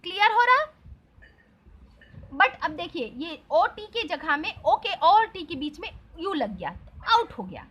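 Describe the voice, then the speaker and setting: Slow, high-voiced woman teacher. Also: big pitch swings, muffled recording. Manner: spells words out letter by letter, slow and patient; asks the students questions and answers them herself. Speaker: English teacher. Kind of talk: explaining an English lesson in Hindi.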